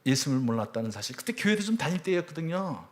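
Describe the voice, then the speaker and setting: A church elder in his fifties tells his testimony to a congregation. He speaks earnestly, climbing high when moved and falling to a soft near-whisper at tender points. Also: big pitch swings, fast. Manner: earnest storytelling, voice swelling high on emotional peaks; drops to a hushed near-whisper at tender moments. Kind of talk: personal testimony talk.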